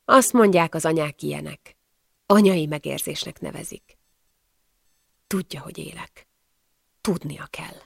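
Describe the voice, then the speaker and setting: A woman narrating an audiobook in the first person, in a measured storytelling manner. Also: low voice, gravelly, breathy edge, dry recording, clean studio sound.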